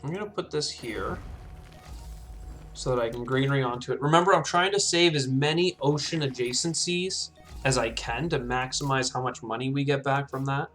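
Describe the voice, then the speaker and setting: A man's voice: mid-range voice, moderate pace, fairly bright tone, faint music behind. Man thinking aloud over a game. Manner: thinks aloud, talks himself through choices. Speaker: gameplay commentator. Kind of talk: casual let's-play commentary.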